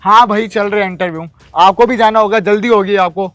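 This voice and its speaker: Brief: a man doing a frazzled guard with a highish, snappy voice. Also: a little fast, no room sound, soft background music, natural voice. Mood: irritated. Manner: exasperated and sharp. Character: harried, irritable male security guard. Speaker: security guard.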